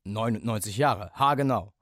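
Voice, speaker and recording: A man's voice: fairly low pitch, moderate pace, fairly bright tone, dry recording, studio quality, lightly acted. A man voicing a stern middle-aged father who speaks bluntly and firmly, read in a storybook. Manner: blunt, firm.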